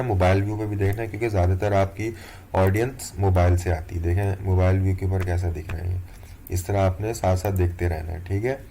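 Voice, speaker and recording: A young man walks through a lesson in a low, fairly monotone voice. His tone is mellow and unhurried, and he keeps checking that the viewer is following. A faint hiss sits under the recording. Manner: relaxed, step-by-step, keeps checking in with "theek hai". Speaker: course instructor. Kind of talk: screen-recorded tutorial walkthrough.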